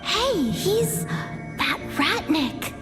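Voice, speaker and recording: A woman voicing a small, excitable female fairy companion in a video game, childlike, chatty and dramatic. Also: very slow, heavily acted. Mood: excited. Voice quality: squeaky, childlike. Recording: music under the voice.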